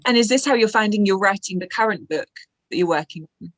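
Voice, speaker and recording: A woman's voice: medium pitch, animated, fast, dry recording, low-quality recording. A woman from Ireland, an audiobook narrator, chatting playfully as a guest on a video call and laughing often. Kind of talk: casual interview chat.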